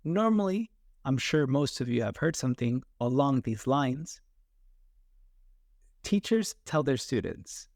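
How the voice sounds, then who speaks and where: A man's voice: fairly high pitch, a little mellow, no room sound, studio quality. A man with a Californian American accent, presenting an educational podcast as an English teacher, speaking in careful, simple phrasing for learners. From California, United States.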